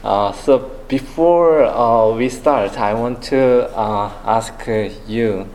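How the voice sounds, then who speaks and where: A man's voice: medium pitch, takes it slowly, a little mellow, rough recording. A man opening a conference talk, hesitant, with many fillers. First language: Korean. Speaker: conference speaker. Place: conference room.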